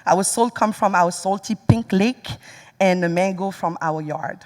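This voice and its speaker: A woman's voice: mid-range voice, a little slow, a little mellow. A young woman giving a personal storytelling talk on stage, with many fillers. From Senegal. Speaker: speaker. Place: large music hall. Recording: long hall reverb.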